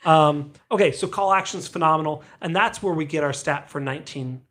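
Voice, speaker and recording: A man hosting a casual podcast, animated and telling stories with acted-out dialogue. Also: fairly high pitch, brisk. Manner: animated storyteller who acts out quoted dialogue. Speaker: podcast host.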